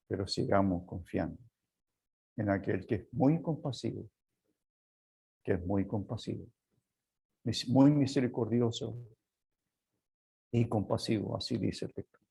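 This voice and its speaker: A man with a Chilean Spanish accent preaching a sermon as pastor, earnest and unhurried, closing in a quiet prayer. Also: lowish voice, creaky, breathy edge. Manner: slow, earnest preaching that drops to a soft prayer.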